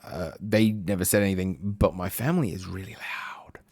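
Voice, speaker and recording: A man's voice: low-pitched, fairly even intonation, normal speed, darkish tone, dry recording, clean studio sound. A man streaming and chatting casually with his viewers, reading their messages aloud. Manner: chatty, reads chat messages aloud, frequent fillers.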